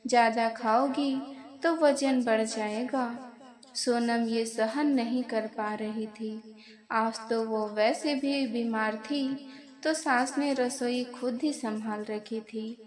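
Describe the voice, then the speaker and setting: Slow devotional woman storyteller. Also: a little high, steady tone. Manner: addresses listeners as congregation, slow and deliberate.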